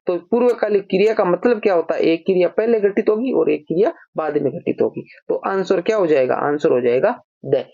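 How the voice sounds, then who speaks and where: A man's voice: high voice, gravelly, a little mellow. A man teaching an exam-prep grammar lesson, patiently explaining and dictating example sentences word by word. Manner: patient, explanatory, calls listeners brother. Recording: dull lo-fi recording.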